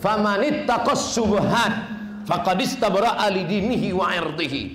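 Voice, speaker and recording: A male preacher delivers a spirited live sermon. He mimics the people he talks about and climbs into shouts. The sound is roomy, with a faint murmur behind him. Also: high-pitched, a little slow, a little hiss or hum. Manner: animated, mimics askers and rises to shouts. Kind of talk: lively sermon answering audience questions. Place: large hall with a live audience.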